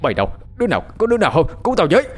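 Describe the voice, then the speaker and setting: A man's voice: sits high, wildly swooping pitch, racing, voice pushed up, exaggerated voice. A man voicing a terrified rich old landlord who shrieks in panic. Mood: panicked.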